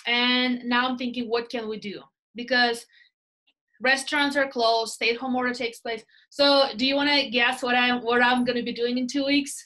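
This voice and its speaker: This bright-voiced woman with a Russian accent speaks at a normal speed, her pitch on the high side. A real estate team leader appearing as a guest in a casual interview chat, she tells stories animatedly, gestures with her hands and tacks "right?" onto her lines. She's on a laptop webcam video call from a small indoor room.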